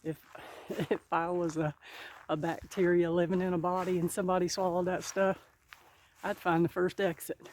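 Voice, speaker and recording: A woman's voice: fairly low pitch, flat delivery, moderate pace, darkish tone, a little hiss or hum. A woman chatting casually to her viewers in a folksy, laughing way while she works outdoors in her garden. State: a little out of breath. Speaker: gardening vlogger. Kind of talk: casual vlog narration.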